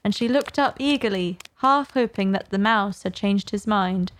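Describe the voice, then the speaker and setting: A woman reading a storybook aloud as narrator in a clear, even way. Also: medium pitch, moderate pace, a little hiss or hum. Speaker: audiobook reader.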